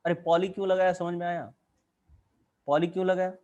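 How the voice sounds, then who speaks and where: Man, Indian accent, classroom lecture, fairly high voice, rapid-fire questions to students. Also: flat delivery, a little mellow, dull audio. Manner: questions the class constantly, explains at a board. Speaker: chemistry teacher.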